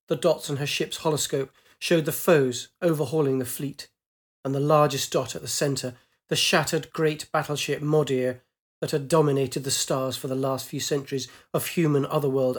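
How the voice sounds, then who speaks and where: A man narrates a science fiction story aloud in a measured, dramatic manner. His voice sits somewhat high for a man. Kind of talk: storybook reading.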